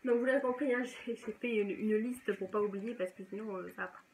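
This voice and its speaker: A woman's voice: medium pitch, brisk, a little hiss or hum, poor audio. A young woman chatting casually and enthusiastically as a book vlogger, often correcting herself mid-sentence. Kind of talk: casual chat.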